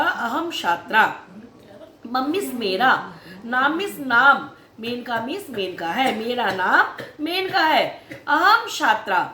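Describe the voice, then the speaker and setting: A woman teaching a children's class with a high, bright, very lively voice that rises and falls in a sing-song teaching cadence. She stretches each word out slowly and gives its meaning, then hurries through short asides. The recording sounds echoey, as if made in a bare room. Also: a little hiss or hum. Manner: addresses students as beta, repeats each word slowly with its meaning. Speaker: Sanskrit teacher. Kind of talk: online lesson explaining a textbook chapter.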